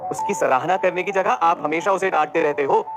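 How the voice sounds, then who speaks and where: A man's voice: fairly high pitch, fairly quick, over music, close to an everyday voice. A man voicing an emotional, loyal young woman who pleads and defends. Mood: indignant.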